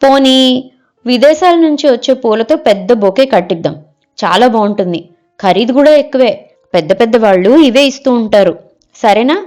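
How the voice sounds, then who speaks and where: A woman's voice: fairly high pitch, expressive, normal speed, darkish tone, lightly acted. A woman reading a proud exasperated husband. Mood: coaxing. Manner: eager, keeps offering gift ideas. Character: husband, a middle-aged man, proud and easily exasperated.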